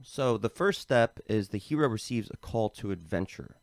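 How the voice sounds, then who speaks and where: Low-voiced American man explaining casually. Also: normal speed, no room sound, clean studio sound. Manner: relaxed, filler-heavy, lots of "um" and "like". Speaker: podcast co-host. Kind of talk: casual podcast chat, explaining from notes.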